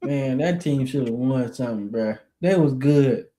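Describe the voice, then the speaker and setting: A man's voice: medium pitch, normal speed, mellow. A man co-hosting a casual college football podcast, blunt and slangy, laughing along. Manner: slangy, blunt, laid-back. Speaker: podcast co-host. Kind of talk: casual sports chat.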